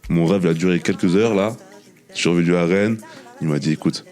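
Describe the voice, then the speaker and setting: A former professional footballer chatting as a guest, telling animated anecdotes and repeating himself often. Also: male voice, low voice, brisk, soft background music. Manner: animated anecdotes with many repetitions and "tu vois". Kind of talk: casual storytelling interview.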